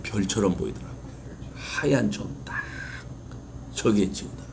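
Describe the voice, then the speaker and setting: A man's voice: on the low side, animated, a little slow, creaky, background noise. A male pastor preaching an impassioned sermon, putting rhetorical questions to his congregation. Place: church sanctuary.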